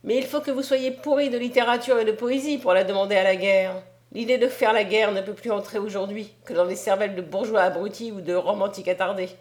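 A woman's voice: medium pitch, lightly acted. A woman reading a mocking hefty angel prince. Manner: mocking, declamatory. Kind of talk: audiobook reading.

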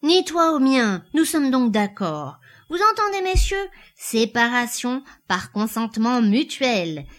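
A woman reading aloud, voicing a brash, drunken young male hay-trusser in a loud, mocking, swaggering way. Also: fairly high pitch, sing-song, a little slow, few pauses, voice pushed up.

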